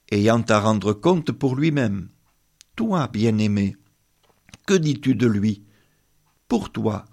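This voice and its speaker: A man preaching a sermon and reading Bible passages aloud, speaking in a measured way and turning to address the listener directly. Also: on the low side, vocal fry.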